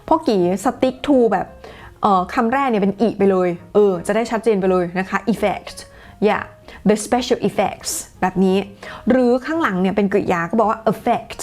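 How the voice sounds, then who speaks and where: A woman's voice: medium pitch, a little mellow, faint music behind. Chatty woman teaching pronunciation. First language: Thai. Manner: chatty, models words slowly and clearly. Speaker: English teacher. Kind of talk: casual pronunciation lesson.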